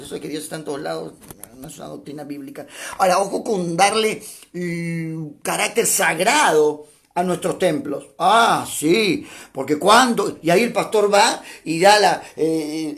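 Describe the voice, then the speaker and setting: A man preaching a sermon in a conversational, streamed style. He reads scripture slowly, stresses key words, and acts out doubting churchgoers. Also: on the high side, a bit bright. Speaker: pastor. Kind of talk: sermon streamed live online.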